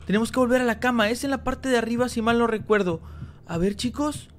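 High-voiced excitable male gamer. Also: fast, a little hiss or hum. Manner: excitable, yelps and repeats words when scared; addresses viewers as "chicos". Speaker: gaming YouTuber. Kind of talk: Let's Play commentary translating game dialogue.

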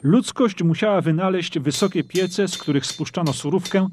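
This middle-aged documentary presenter has a high, slightly mellow voice at normal speed, picked up by a lapel mic with a long reverb tail and a little hiss or hum. Indoors in a dim brick castle armoury, he explains the armour, pointing at pieces as he goes.

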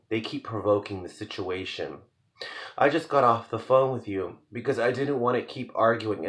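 A man reading his own poem aloud in an earnest, expressive spoken-word delivery, with strong swings in loudness. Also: on the low side.

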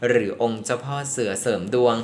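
A man reads tarot in a chatty, affectionate manner, talking to the contestant like a younger sibling and calling them "child" throughout his casual commentary. His mid-range voice moves fairly quickly and sounds a little mellow.

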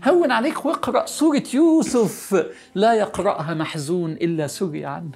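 A middle-aged man with an Egyptian accent giving an earnest, coaxing religious talk, repeating words for emphasis and sinking to a soft hush. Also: high voice, gravelly. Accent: Egyptian Arabic. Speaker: preacher.

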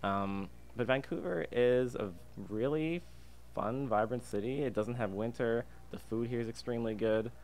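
Speaking at a moderate pace in a mid-range, slightly mellow voice, this young adult man from Alberta, Canada, is a podcast guest who works as a freelance illustrator and designer. The relaxed interview takes place in a podcast booth set up in a diner, where clear ambient sound carries in the background.

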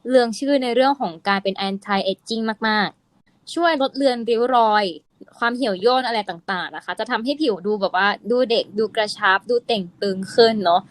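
A fairly high-voiced woman co-hosting a casual podcast, explaining things in an animated way with bits of teasing. Her voice sits close and dry on the mic, with no room sound. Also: normal speed, dry recording. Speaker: podcast co-host explaining skincare. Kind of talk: casual chat.

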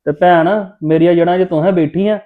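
Punjabi man, quick-fire and mocking, slightly high voice, lo-fi dull sound; brash younger-brother type. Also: steady tone. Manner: boastful, teasing, brash. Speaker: brother in a family drama. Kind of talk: Punjabi web-series acting.

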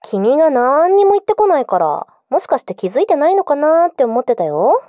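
A woman's voice: high-pitched, sing-song, brisk, no echo, lo-fi sound. A woman playing a clingy, possessive yandere girlfriend in an intimate pillow-talk role-play, coaxing and insistent. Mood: sweet, playful.

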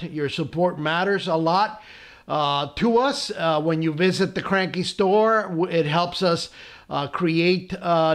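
A man hosting a casual scale-model painting tutorial at his workbench, relaxed and full of "uh" fillers and friendly asides. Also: high-pitched. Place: tabletop workbench indoors.

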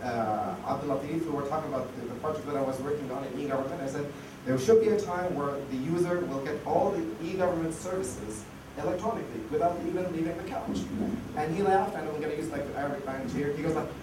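This man talks fast, his voice on the high side, while giving a casual conference talk marked by fillers and restarts as his voice fails. Noise and echo fill the conference hall, heard through a distant mic.

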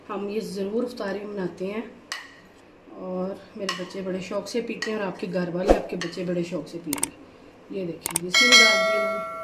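A woman with a medium-pitched voice hosts a cooking channel from her indoor home kitchen, talking viewers through a recipe stage by stage and often urging them to look. Clattering dishes and utensils make up the background noise.

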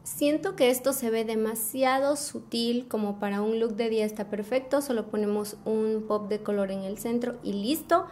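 A woman's voice: a little high, moderate pace, few pauses, a little mellow, soft background music. A young Mexican woman with a Mexican accent giving a patient, step-by-step makeup tutorial, full of affectionate diminutives. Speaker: beauty vlogger.

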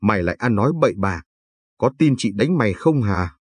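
A man's voice: fairly low pitch, lively intonation, brisk, husky, no room sound, studio quality. Man reading as a snappish young village woman. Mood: angry. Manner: scolding, snappish. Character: grumpy young village woman, sharp-tongued.

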